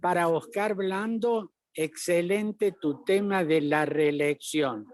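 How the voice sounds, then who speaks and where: Man, weak choppy online call, airport, slow friendly talk, high voice. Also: no echo. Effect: weak, choppy online call connection. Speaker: panelist. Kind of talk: casual remarks. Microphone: video call.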